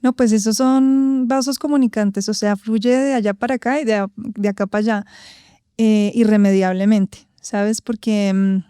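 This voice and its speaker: A woman's voice: medium pitch, steady tone, normal speed, mellow, smooth, no room sound, studio quality. A woman with a Colombian accent, an anthropologist and voice coach, answering reflectively in an interview, thinking aloud with tag questions.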